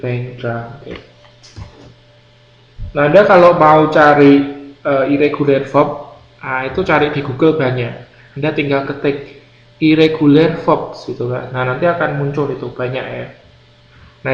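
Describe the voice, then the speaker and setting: A man teaching an English grammar class, explaining patiently, repeating key words and quizzing his students. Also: mid-range voice. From Indonesia. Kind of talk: classroom lecture. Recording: roomy classroom, dull lo-fi sound, faint noise.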